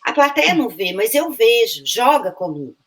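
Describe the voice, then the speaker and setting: An animated Brazilian woman tells backstage stories in an easy, chatty way. Her pitch sits a little high and swings widely. She keeps restarting her sentences and throws herself into the lines she quotes. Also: normal speed. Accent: Brazilian Portuguese. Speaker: actress, interview guest. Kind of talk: casual conversational storytelling.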